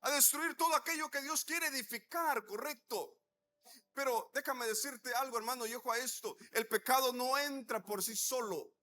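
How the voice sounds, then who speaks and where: Bright, high-voiced preacher man. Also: normal speed. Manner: animated storytelling preacher acting out dialogue; rhetorical questions to the congregation. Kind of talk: sermon.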